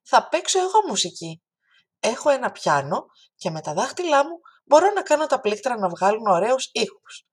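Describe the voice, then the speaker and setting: A woman's voice: fairly high pitch, very animated, breathy edge, voice pushed up. A woman voicing a friendly, helpful talking hand that reassures a child in a storybook reading. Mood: cheerful.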